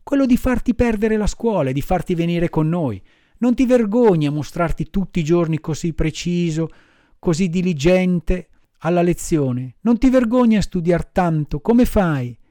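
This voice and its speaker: A man's voice: sits high, lively intonation, moderate pace, warm tone, no room sound, studio quality. A man voicing a gang of rowdy schoolboys in a storybook reading, taunting and threatening. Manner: bullying, taunting.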